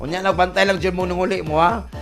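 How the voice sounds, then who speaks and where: Male radio host, jokey and chatty, high gravelly voice, broadcast with music underneath. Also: fairly even intonation, quick pace, a bit bright. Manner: jokey, laughing, mixes languages. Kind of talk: casual radio chat with listener shout-outs. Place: radio studio.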